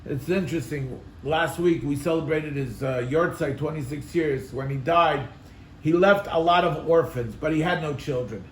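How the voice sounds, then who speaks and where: A rabbi gives an earnest lesson, leaning on rhetorical questions and repeating his points for weight. His voice sits high for a man and rings out in a roomy, echoing space. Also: moderate pace, a little hiss or hum. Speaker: rabbi teaching a class. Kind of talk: Torah class with storytelling. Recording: echoey room.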